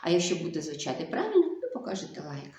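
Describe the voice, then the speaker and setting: A woman speech therapist giving a video lesson to young children, slow and coaxing, full of sing-song diminutives. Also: on the low side, wildly swooping pitch, darkish tone. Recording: echoey room.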